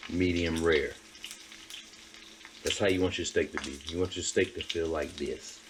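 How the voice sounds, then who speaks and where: A home cook vlogger with a deep, steady voice and moderate pace casually shows his steak-cooking method in his kitchen. He's emphatic, repeating himself, and the background is noisy with a pan sizzling on the stove.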